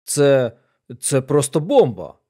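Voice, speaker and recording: A man doing a loud blustering colonel. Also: mid-range voice, big pitch swings, unhurried.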